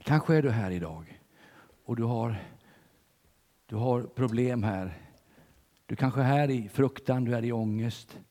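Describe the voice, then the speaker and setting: An older man preaching a sermon in church, telling stories with big swings between loud and hushed delivery. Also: mid-range voice, long reverb tail.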